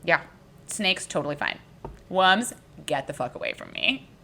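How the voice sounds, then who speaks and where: A woman co-hosts a casual book chat with a bright, forceful voice that swoops up and down. She talks in an animated way, laughs often and breaks into shouts when she gets excited. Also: deep voice, unhurried, creaky. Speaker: podcast co-host.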